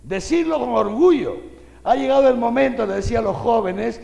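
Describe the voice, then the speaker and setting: An older man from Peru, a bishop, giving an animated, folksy sermon full of rhetorical asides to his listeners. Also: extremely high pitch, a little fast, vocal fry, big-room sound.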